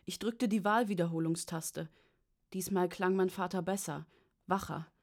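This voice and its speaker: A woman narrating a first-person story as an audiobook, in an even, measured way. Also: on the low side.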